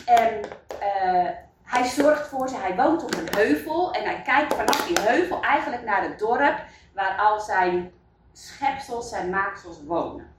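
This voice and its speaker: A woman reading a children's story aloud, in an expressive storybook manner. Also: mid-range voice, unhurried, slight background noise. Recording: roomy, distant mic.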